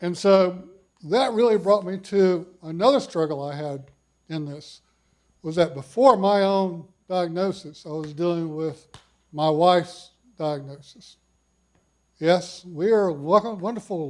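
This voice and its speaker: A cancer survivor, an older man with a big voice that sits high and sounds a little mellow, gives a personal story talk to a conference audience. Taking it slowly, he tells his tale in a folksy, self-deprecating style.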